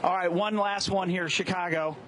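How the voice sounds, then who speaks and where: A man's voice: sits high, fairly even intonation, moderate pace, fairly bright tone, slight background noise. A man hosting an outdoor morning show segment, quizzing passersby with jokey, upbeat banter. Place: outdoors on a city plaza.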